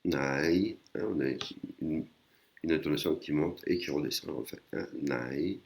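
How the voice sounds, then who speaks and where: A man teaching a language lesson in a casual way, with many pauses and fillers, explaining patiently and often adding a tag word at the end of his sentences. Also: rumbling low, steady tone, vocal fry, a little mellow. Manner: hesitant, many fillers and restarts. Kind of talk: casual screen-recorded lesson.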